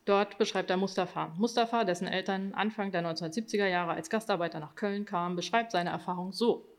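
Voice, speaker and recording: A woman presenting her own research in an academic talk, reading from slides and often pausing on filler sounds. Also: medium pitch. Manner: hesitant, frequent filler sounds between phrases.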